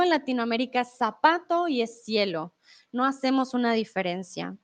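A woman from Colombia with a Colombian accent, giving a casual live Spanish lesson and chatting with viewers. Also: sits high. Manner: chatty, explains with examples and asks "¿vale?". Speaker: Spanish teacher on a livestream.

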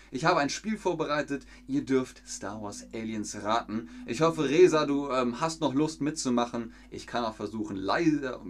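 Man hosting a chatty fan stream. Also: mid-range voice. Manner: reads viewer comments aloud, with many hesitant fillers. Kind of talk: casual live-stream chat with viewers.

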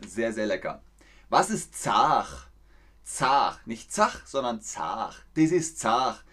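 A man's voice: mid-range voice, fairly bright tone. A man runs a live word quiz. His voice sits in a middle register. He keeps it playful, praising and teasing the people watching. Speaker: quiz host teaching dialect words. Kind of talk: livestream quiz with chat.

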